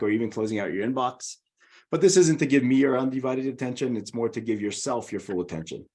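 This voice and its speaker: A middle-aged man with a Hawaiian accent presents a webinar over a video call, friendly and organized as he walks through his slides. His voice is mid-range and a little mellow.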